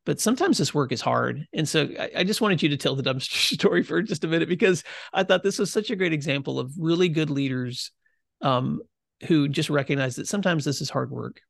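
A man's voice: fairly high pitch, lively intonation, brisk, gravelly, no echo, clean studio sound. A man hosting a podcast who speaks earnestly and encouragingly to his listeners, with many fillers. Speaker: podcast host. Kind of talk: casual interview chat.

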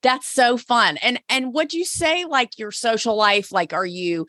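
A woman's voice: on the high side, measured pace, sharp tone, dry recording, clean studio sound. A woman hosting an interview, gushing and enthusiastic, firing off several questions at a time. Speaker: host, personal stylist. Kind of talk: casual interview.

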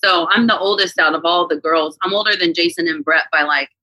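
A woman's voice: lowish voice, a little fast, sharp tone, dry recording, rough recording. A woman in her forties, a podcast guest chatting candidly and laughing often. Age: 40s. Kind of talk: casual interview chat.

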